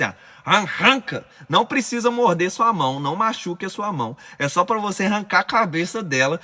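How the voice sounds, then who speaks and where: A course instructor with a Brazilian Portuguese accent leads listeners through a visualization exercise, issuing urgent, commanding directions. His voice sits high and sounds bright and forceful.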